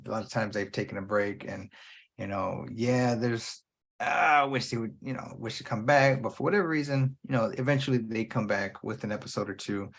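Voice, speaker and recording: With a creaky, mid-range voice, a solo movie podcast host talks unscripted and loose. He drifts from one thought to the next and curses without holding back.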